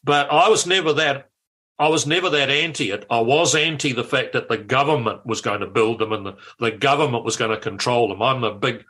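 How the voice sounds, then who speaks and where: An older man, a former MP telling anecdotes as a radio guest, animated and repeating words as he goes. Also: medium pitch, fairly quick.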